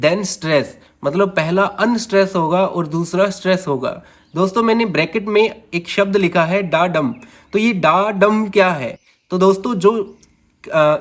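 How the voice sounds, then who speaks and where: A man teaching an English lesson to viewers, sounding out words syllable by syllable and often addressing them as friends. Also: high-pitched. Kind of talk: classroom-style video lesson.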